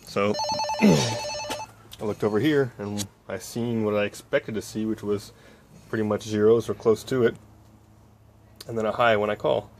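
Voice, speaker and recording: Speaking slowly and leaving long pauses, a male electronics hobbyist walks through a hands-on build in his fairly low, very level and flat voice. His explanation is casual and step-by-step, like an update, and the home-made recording carries noticeable noise.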